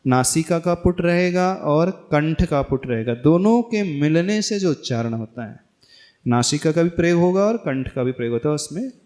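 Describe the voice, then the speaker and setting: A man's voice: a little high, a little mellow. A man, a monk, teaching the pronunciation and meaning of a Sanskrit hymn, asking his listeners questions as he explains. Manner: slow chanting of Sanskrit verses, then patient explaining. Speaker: Jain monk teaching scripture. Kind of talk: devotional scripture lesson.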